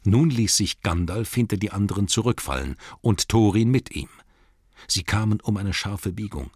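Deep husky male audiobook narrator. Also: a little mellow, dry recording, clean studio sound. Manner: measured, dramatic reading with slowed emphasis. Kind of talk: scripted storybook narration.

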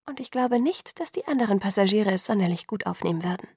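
A woman reading an audiobook, voicing a quick, bright young female vampire who talks briskly. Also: mid-range voice, husky, no room sound, clean studio sound. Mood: lively. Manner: brisk and lively, talks fast when excited.

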